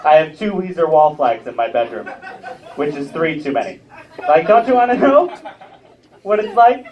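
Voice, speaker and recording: Male comic, late 20s, bouncy animated delivery, chatty crowd asides, far-off muffled club audio. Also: fairly high pitch, normal speed. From Ontario, Canada. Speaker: stand-up comedian. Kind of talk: live stand-up set. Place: comedy club stage with a live audience. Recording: distant, muffled club recording.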